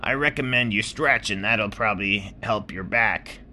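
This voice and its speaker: A man's voice: lowish voice, normal speed, a little hiss or hum, voice pushed up. A man voicing an ancient, boastful male clam in a bedtime story. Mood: friendly. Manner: loud, brash, boastful.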